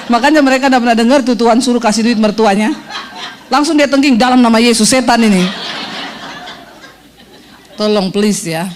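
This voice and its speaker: A woman pastor delivers a sermon in a high voice. She jokes with the congregation and slips into other voices to act out conversations. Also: slight background noise. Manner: humorous, teasing the congregation with quick asides; acts out quoted voices in dialogue.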